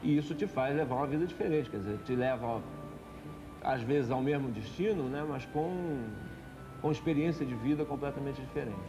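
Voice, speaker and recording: A man's voice: mid-range voice, moderate pace. Man, 40s, reflective interviewee over background music. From Minas Gerais, Brazil. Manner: reflective, thoughtful. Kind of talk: documentary interview. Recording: music playing underneath.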